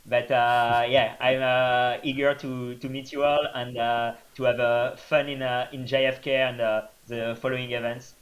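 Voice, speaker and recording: A man with a French accent, guest on a podcast, speaking hesitantly with many filler pauses. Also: mid-range voice, little pitch movement, poor audio. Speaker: guest trail runner. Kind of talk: casual podcast interview.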